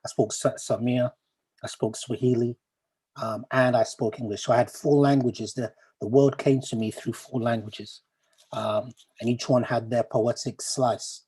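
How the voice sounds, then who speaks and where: A man from Uganda, a poet, giving a thoughtful talk over a video call, asking questions and pausing with ums and restarts. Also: mid-range voice, steady tone, a little mellow, breathy edge, poor audio. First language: Luganda. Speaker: poet, guest speaker. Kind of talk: reflective talk to an online assembly.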